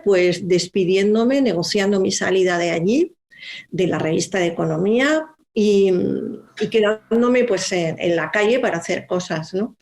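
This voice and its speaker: A woman from Spain, a guest on a podcast, telling her story in a loose, rambling way. She leans on small fillers as she goes. Her pitch sits in the middle. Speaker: magazine director, guest. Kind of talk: casual interview.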